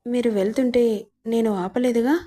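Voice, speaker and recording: A woman voicing a remorseful young man who pleads gently in a storybook reading. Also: on the high side, fairly even intonation, moderate pace, lightly acted. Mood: pleading.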